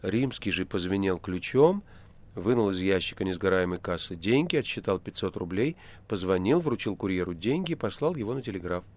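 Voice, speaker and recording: A man narrating a novel as an audiobook, with expressive storytelling. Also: deep voice, fairly quick. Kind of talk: literary audiobook reading.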